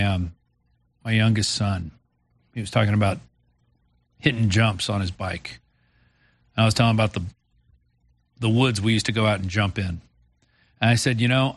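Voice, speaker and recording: A man's voice: lowish voice, no room sound. An American man hosting a talk radio show, speaking informally and reflectively in a conversational way.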